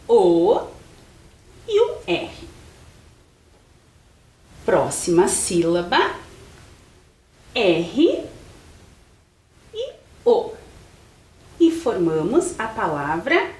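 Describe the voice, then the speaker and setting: A woman teacher with a Brazilian Portuguese accent giving a slow, clear literacy lesson to young children, spelling out letters and counting syllables with her pupils. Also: medium pitch.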